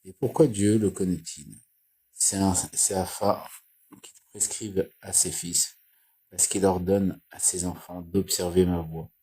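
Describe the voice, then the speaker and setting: A man reading and explaining Torah commentary in a slow, halting way, with restarts and repeated phrases. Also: deep voice, steady tone, warm tone, husky. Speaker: Torah teacher.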